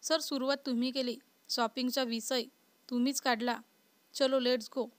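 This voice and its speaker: A woman voicing a lively, outspoken young woman in a story, close to her own reading voice. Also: high-pitched, moderate pace, no echo, lightly acted. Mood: cheerful.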